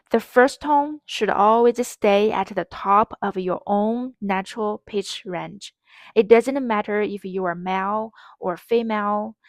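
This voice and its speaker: A woman teaching a pronunciation lesson, explaining patiently and modeling each sound clearly. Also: mid-range voice, no echo, studio quality. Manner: slow, patient, clearly enunciated instruction with modeled drills. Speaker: Mandarin teacher.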